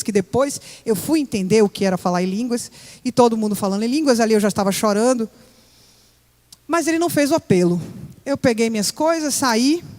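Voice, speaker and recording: A woman's voice: on the high side, darkish tone. A woman gives a personal testimony to a church congregation, telling her story with emotion. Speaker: church member giving testimony. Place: church hall. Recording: echoey church hall with long reverb.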